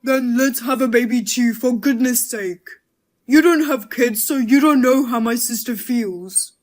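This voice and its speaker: Woman voicing a touchy husband, defensive, snapping, somewhat high voice, storybook drama. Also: measured pace, a little mellow, natural voice. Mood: irritated. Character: idle, touchy husband, man, thirties.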